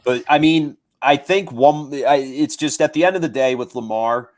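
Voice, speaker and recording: A man's voice: mid-range voice, moderate pace. A man co-hosting a sports podcast, chatting loosely with fillers and restarts. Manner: rambling, lots of fillers and restarts. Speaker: podcast co-host. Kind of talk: casual sports talk.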